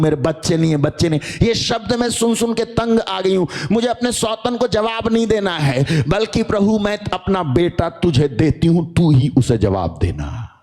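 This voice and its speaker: A man's voice: high voice, a little mellow, pitched above the performer's own voice, natural voice. A man voicing a distressed childless woman who pleads in prayer, repeating her words over and over. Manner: pleading, repetitive.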